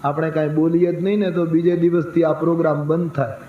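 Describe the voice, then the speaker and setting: An animated preacher tells devotional stories emphatically and slows down to chant verses. His fairly high voice echoes in a roomy space, sounding muffled, with faint ambience behind. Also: noisy background. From Saurashtra, India. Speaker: preacher, katha storyteller. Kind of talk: devotional storytelling sermon.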